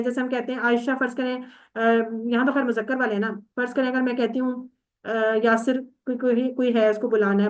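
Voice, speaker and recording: A woman teaching an online class, patiently explaining step by step and quizzing her students. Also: high-pitched.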